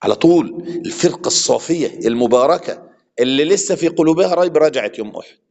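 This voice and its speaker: With an Egyptian accent, this preacher speaks fast in a slightly high, expressive voice that's creaky and a little mellow. His sermon is impassioned, switching between classical and colloquial Arabic. Long hall reverb fills the recording.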